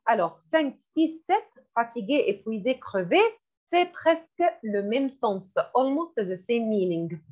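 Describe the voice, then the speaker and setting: A woman teaching French vocabulary in a classroom lesson, repeating each word slowly and glossing it in English. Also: on the high side, animated, a little mellow. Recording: dull lo-fi recording.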